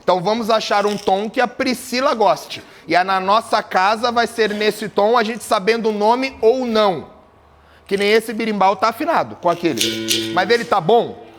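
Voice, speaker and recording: A capoeira teacher with a high-pitched, slightly bright voice explains tuning at a moderate pace to a group class with berimbaus, asking questions and joking. There is slight background noise.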